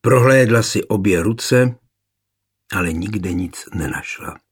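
A man narrating a historical novel in an expressive storytelling way. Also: fairly low pitch, slightly rough. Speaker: audiobook narrator.

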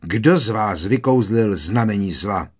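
A man's voice: on the low side, expressive, husky. A man voicing a cold, harsh male ministry official who barks accusations in a storybook reading. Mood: furious. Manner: barking, accusing.

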